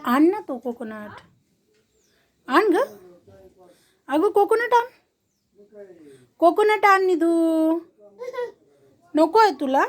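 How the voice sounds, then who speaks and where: Woman, very high voice, unhurried, Marathi accent, coaxing baby talk with a toddler, repeats short phrases. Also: very animated. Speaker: parent talking to a toddler.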